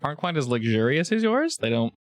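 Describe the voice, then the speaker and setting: A man narrating as game master of a tabletop role-playing game, lively and quick to laugh. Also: fairly high pitch, no room sound, studio quality. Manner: animated, laughs often.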